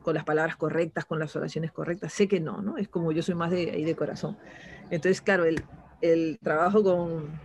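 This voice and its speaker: A woman's voice: low voice, steady tone, fairly quick, darkish tone, a little hiss or hum. A woman as an interview guest, talking casually and reflectively, often ending phrases with a questioning tag and restarting her sentences. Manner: reflective, frequent "¿no?" tags and restarts.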